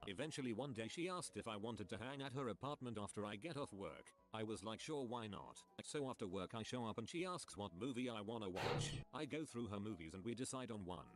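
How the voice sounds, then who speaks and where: Man reading posts aloud, low voice. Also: lively intonation, brisk, hardly any pauses. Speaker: reader of online posts.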